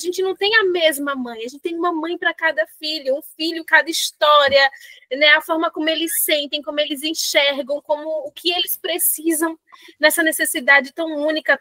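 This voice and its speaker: A middle-aged woman, a parent educator hosting a book club, talking in an animated, reflective way with many fillers. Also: sits high, moderate pace, dry recording. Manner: animated, uses fillers like "né" and "assim", reads quotes aloud. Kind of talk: casual reflective talk with read-aloud passages.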